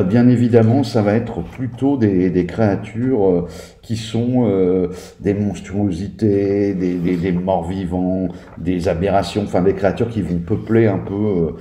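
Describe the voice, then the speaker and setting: A man's voice: low-pitched, warm tone. A man reviewing a tabletop game book in a casual, hesitant way, with many fillers and restarts. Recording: echoey room.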